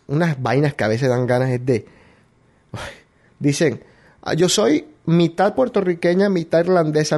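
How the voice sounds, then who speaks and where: A man's voice: on the high side, dark tone. Rambling Colombian man hosting a show. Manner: rambling, hesitant, with many restarts. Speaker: radio show host. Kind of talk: casual opinion monologue.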